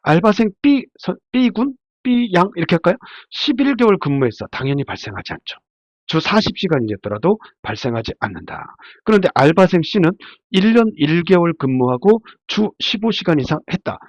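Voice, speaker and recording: A labor attorney with a high, sing-song voice talks at a moderate pace through a casual slide presentation, explaining things and often asking himself questions before answering them. He's congested from a head cold, which makes him sound stuffy and nasal. The recording is dry, lo-fi, dull, and muffled.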